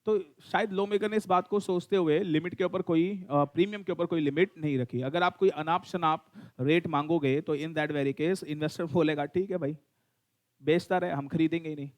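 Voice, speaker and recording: Man, Indian accent, middle-aged, law teacher, high voice, quizzing and teasing students. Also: steady tone, normal speed, hardly any pauses. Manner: mixes in English, quizzes and teases students. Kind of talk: classroom lecture.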